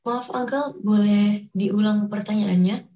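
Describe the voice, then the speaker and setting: A woman's voice: medium pitch, fairly even intonation, slow. A young adult woman, a beauty pageant contestant, answering politely and formally over a choppy online call line. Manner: polite, formal, addresses the host respectfully. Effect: heard over an online call line with a choppy signal. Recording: dull lo-fi call audio.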